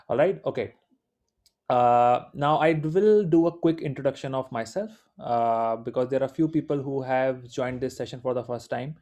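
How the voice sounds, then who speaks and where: An instructor with an Indian accent, a native Hindi speaker, teaches a live online class in an informal, encouraging way, using many fillers. His voice is mid-range and mellow, moving at a normal speed.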